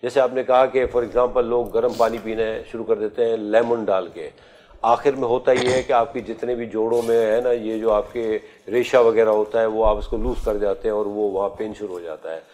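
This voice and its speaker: A man's voice: on the low side, fairly even intonation, normal speed, darkish tone. Chatty man in his fifties hosting. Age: 50s. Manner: chatty, jokey, mixes English phrases into questions. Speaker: talk show host. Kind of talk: studio health talk show.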